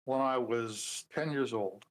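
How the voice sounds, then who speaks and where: An older man in his seventies talks at an ordinary middle pitch. He sounds relaxed and a bit wry, with plenty of "uh"s and restarts as he remembers things. It is a casual conversation, not a performance. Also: slow, low-quality recording. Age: 70s. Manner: relaxed, dry humor, frequent fillers and restarts. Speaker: guest programmer. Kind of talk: casual interview chat.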